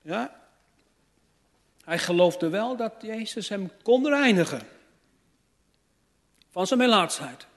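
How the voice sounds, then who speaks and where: Male preacher, rather high voice, slow and emphatic delivery of a sermon, recorded with long church-hall echo. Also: lively intonation. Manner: slow, emphatic preaching with rising fervent appeals.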